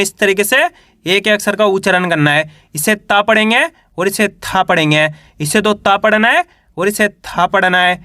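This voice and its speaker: Bright, high-voiced man teaching letters. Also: dry recording, clean studio sound. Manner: patient, repetitive drilling of syllables. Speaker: Hindi reading teacher. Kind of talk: classroom-style spoken lesson.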